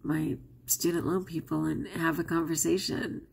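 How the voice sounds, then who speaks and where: Talking to the camera in a chatty, casual vlog, a woman who is not a native English speaker speaks candidly and laughs frequently. Her voice sits low with a flat delivery at a moderate pace, gravelly, husky and a little mellow.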